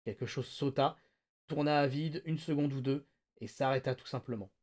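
A man hosting a podcast, reading a novel aloud with lively, dramatic narration. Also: mid-range voice, normal speed. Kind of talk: expressive read-aloud narration.

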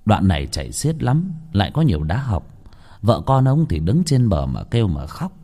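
A man narrating a ghost story in a dramatic, expressive storytelling manner. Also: lowish voice, moderate pace.

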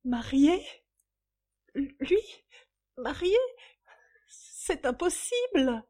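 A woman's voice: high voice, very animated, drawn-out words, dark tone, voice pushed up, heavily acted. A woman reading aloud, voicing a timid, stunned young woman visitor. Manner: faltering, timid.

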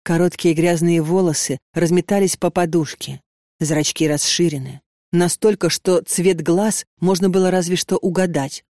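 Woman narrating a dark story. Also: fairly low pitch, fairly even intonation, normal speed, dry recording, studio quality. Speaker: audiobook narrator. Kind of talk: scripted narration.

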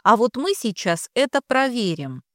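A woman's voice: fairly high pitch, sing-song, moderate pace, fairly bright tone, no echo, clean studio sound, voice pushed up. A woman voicing a distraught young woman in an audiobook, speaking in emotional outbursts. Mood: furious.

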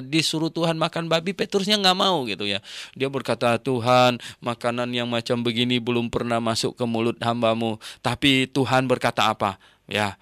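A man giving a Bible teaching to radio listeners, telling stories in a chatty way, often repeating phrases and rising in pitch when he presses a point. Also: sharp tone, clean tone, dry recording, studio quality. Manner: storytelling, repeats phrases with tag words.

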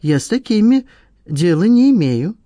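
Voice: mid-range voice, big pitch swings, moderate pace, mellow, dry recording, pitched above the performer's own voice. An audiobook reader voicing a petty, self-pitying man who whines and defends himself. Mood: whiny. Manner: aggrieved, defensive, whining. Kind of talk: audiobook dialogue.

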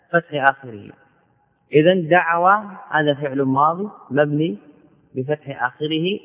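A man teaching grammar as a sheikh, in a classical lecture style, who repeats key words slowly and asks and answers his own questions. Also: on the high side. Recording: phone-like audio in a long-reverb hall.

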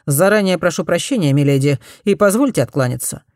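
Woman doing a plainspoken man doctor, kinda low, flat and blunt, dry storybook reading. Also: a little fast, no echo. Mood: matter-of-fact. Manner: matter-of-fact, blunt. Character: blunt plain-spoken male country doctor.

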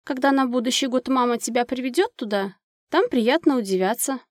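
A woman voicing a kind young woman who cares for a little girl, speaking gently and reassuringly. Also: sits high, a little fast, no room sound, studio quality, pitched above the performer's own voice, natural voice. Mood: gentle.

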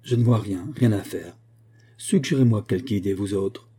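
A man reading aloud, voicing a poor, gentle young male painter who speaks softly and meekly. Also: on the low side, moderate pace, slightly rough. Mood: despondent.

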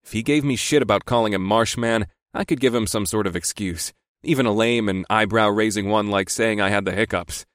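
A man's voice: on the low side, fairly quick, fairly bright tone, dry recording, studio quality. A man narrating a first-person story in a wry, sardonic manner. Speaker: audiobook narrator.

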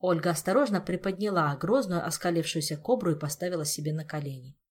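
A woman reading an audiobook in an expressive storytelling manner. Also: on the low side, fast talker, husky. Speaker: audiobook narrator. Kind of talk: scripted audiobook narration.

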